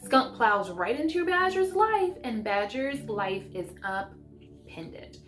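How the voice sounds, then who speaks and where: A homeschool mom vlogs about her book picks, chatting casually and reading passages aloud with enthusiasm. Her voice is a little high, bright and expressive, and she speaks slowly. Music plays in the background.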